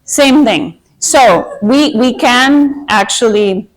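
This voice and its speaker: A woman's voice: on the high side, slow. A woman in her fifties from Minnesota with a Minnesota accent, hosting a casual group talk about anxiety and speaking earnestly in long rambling runs full of restarts. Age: 50s. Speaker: anxiety workshop host.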